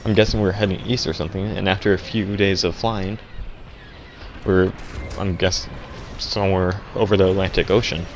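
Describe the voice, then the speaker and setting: Deep-voiced man rambling a deadpan tall tale. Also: a little hiss or hum. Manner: rambling, halting, full of restarts and fillers. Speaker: vlogger. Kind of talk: deadpan absurd storytelling.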